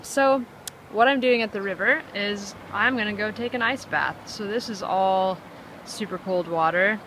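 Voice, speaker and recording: A woman talks straight to her viewers by a river in an easy, rambling vlog style, full of "like" and "um." Her voice sits in a middle pitch and turns bright and eager as she gets excited. Faint outdoor noise hums behind her handheld phone recording. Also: poor audio. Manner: chatty, full of "like" and "um" fillers; excitable and upbeat. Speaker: vlogger. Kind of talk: casual vlog chat.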